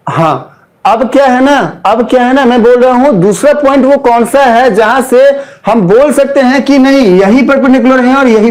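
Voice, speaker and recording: A man's voice: very high-pitched, a little mellow. A man teaching a math class, explaining step by step and asking his students questions. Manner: explains step by step, asks students, counts aloud. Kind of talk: live online class.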